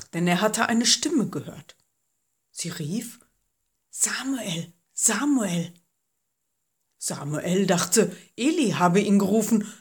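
A woman reading a Bible story for children in a gentle, clearly paced storytelling manner. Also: medium pitch.

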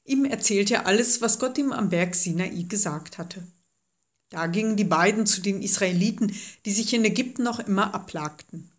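A woman reading a Bible story aloud in a clear, expressive storytelling manner. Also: medium pitch, moderate pace. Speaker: narrator. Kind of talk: scripted Bible story narration for children.

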